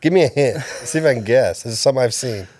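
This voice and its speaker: A man's voice: medium pitch, animated, fast talker, darkish tone, dry recording. A man in his thirties co-hosting a podcast in casual chat, rambling and laughing often. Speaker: podcast co-host.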